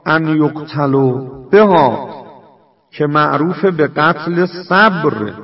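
A man with a somewhat high voice delivers a lamenting, dramatic mourning sermon. He recites Arabic quotations, then restates them. The recording is lo-fi and dull, with the speaker well off the mic. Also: distant mic. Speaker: preacher.

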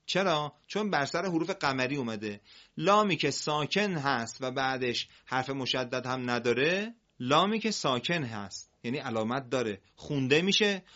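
A man teaching Quran reading on a broadcast, explaining patiently, asking students questions and drawing words out slowly. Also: mid-range voice, lively intonation, pushed and bright, dull audio.

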